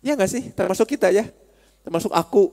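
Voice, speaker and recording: A man's voice: high voice, animated, fairly quick, a little mellow. A man with a Sundanese accent giving a casual religious study talk, chatty and teasing, speaking straight to his listeners. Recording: long hall reverb.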